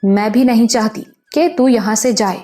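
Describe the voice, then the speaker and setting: A woman's voice: fairly high pitch, fairly even intonation, mellow, soft background music, natural voice. A woman voicing an older motherly village woman who scolds with affection, in an audiobook. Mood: tender. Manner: scolding yet affectionate, rustic speech. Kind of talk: audiobook character voice.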